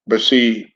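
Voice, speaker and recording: On a casual live stream, a man who hosts a sports commentary channel talks sports to his viewers in a low, raspy voice roughened by a throat bug, with a sharp tone. He goes slowly and loosely, laid-back, halting, repeating words, restarting, and clearing his throat, over dull lo-fi sound from what seems a cheap home setup.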